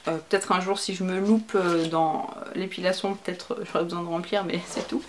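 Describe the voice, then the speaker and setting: A woman's voice: lowish voice, fairly even intonation, a little fast, a little hiss or hum. A young woman chatting casually through a make-up favorites review, full of fillers and casual slang. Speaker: beauty vlogger.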